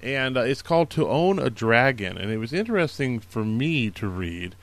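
A man at a middle pitch talks casually through his book picks. He is earnest and encouraging, and he restarts his sentences often with plenty of fillers. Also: sing-song, moderate pace, fairly bright tone. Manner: conversational, many fillers and restarts. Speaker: podcast host recommending books. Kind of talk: casual spoken book recommendations.

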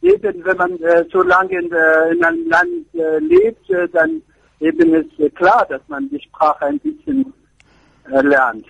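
High gravelly man, halting. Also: lively intonation, a bit bright, poor audio. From Afghanistan. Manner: halting, searching for words in a second language. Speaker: architecture professor, interview guest. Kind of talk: radio interview answers.

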